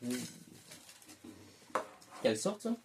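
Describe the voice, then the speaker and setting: Munching chips between words, a Québécois-accented man takes it slowly as he chats casually about the snacks he's tasting. There's noise in the background.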